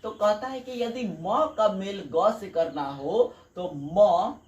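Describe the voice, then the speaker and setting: A man's voice: high-pitched, slow pace, a little mellow, lo-fi sound. A man teaching a grammar lesson at a whiteboard. He goes step by step, repeats key points and keeps asking the students check questions. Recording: echoey room, mic far off, birds outside.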